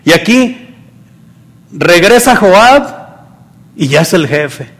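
A man preaching a sermon, swinging between loud emphasis and soft asides and acting out the people he quotes. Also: high voice, lively intonation, slow.

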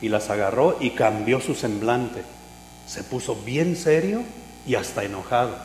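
Lively pastor preaching in an echoey hall. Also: male voice, medium pitch, measured pace. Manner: lively storyteller, swings between loud exclamations and quiet asides. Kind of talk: sermon with a humorous personal story. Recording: echoey hall with mains hum.

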